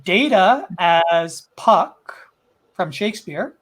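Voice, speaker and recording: A man on a casual online panel, briskly listing trivia and agreeing with the host. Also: high voice, animated, a bit bright.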